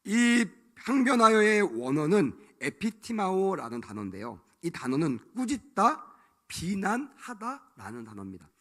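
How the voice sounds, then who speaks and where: A man's voice: high-pitched, big pitch swings, a little slow, bright, forceful tone. A male pastor preaching a sermon to young adults, emphatic, acting out quoted voices and calling for amens.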